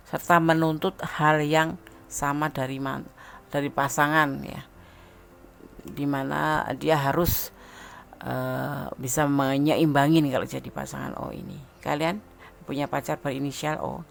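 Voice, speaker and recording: A slightly hoarse woman, chatting casually as she gives a tarot reading, thinking aloud with fillers and restarts. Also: deep voice. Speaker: tarot reader.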